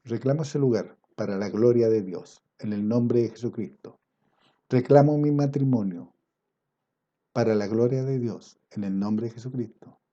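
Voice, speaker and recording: Over lo-fi audio, a preacher alternates between booming emphasis and hushed asides. Whenever he quotes scripture, he slows down and draws the words out.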